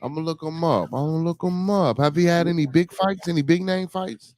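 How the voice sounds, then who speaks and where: A man's voice: fairly high pitch, a little fast, darkish tone. A man with a Chicago accent hosting a casual live-stream podcast, talking in a loose, slangy, laid-back way and often tagging on "man". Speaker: podcast host.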